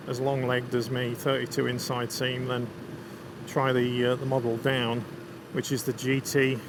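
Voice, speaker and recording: A man with a Lancashire accent gives casual, chatty commentary to viewers as a motorcycle vlogger, enthusiastic and riding outdoors. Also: mid-range voice. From England. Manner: chatty, enthusiastic about scenery and bike. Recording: constant road, wind and vehicle noise.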